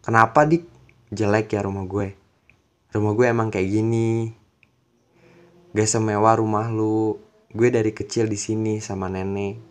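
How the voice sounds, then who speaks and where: A man voicing a blunt, cool young male schoolmate, slangy and gruff. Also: lowish voice, little pitch movement, a little slow, long pauses, close to an everyday voice. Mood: plain. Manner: gruff then coaxing, slangy.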